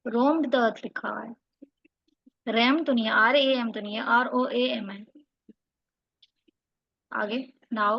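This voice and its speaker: A woman's voice: a little high, fairly even intonation, slow, creaky, pauses often, highs cut off. A woman tutoring one student for a spoken English test, correcting mistakes and explaining step by step. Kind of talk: one-on-one online lesson.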